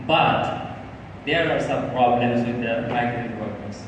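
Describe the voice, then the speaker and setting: A man from Bangladesh giving a live pitch presentation, earnest and halting with frequent fillers. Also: slight background noise. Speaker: startup presenter. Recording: echoey hall from far off.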